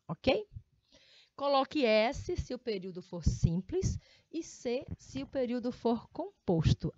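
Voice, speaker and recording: A woman's voice: a little high, no echo. A woman with a Brazilian accent teaching a grammar lesson, explaining step by step and checking in with frequent tag questions. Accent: Brazilian Portuguese. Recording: dull lo-fi audio.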